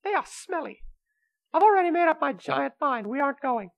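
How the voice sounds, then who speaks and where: In an amateur radio comedy, a woman plays a wicked little immortal kitty in a full character voice. It sits high and leaps around, brash and excitable, with a childish whine and a scatterbrained air, delivered briskly with some creak.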